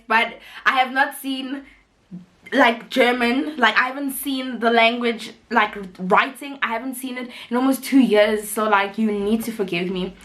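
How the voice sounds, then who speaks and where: A young woman with a South African accent chats to camera as a vlogger. She rambles happily with lots of "like" and frequent laughs, and her voice sounds rough because she is sick. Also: on the high side, pushed and bright. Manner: chatty, full of "like", laughs often. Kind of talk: casual chat to camera.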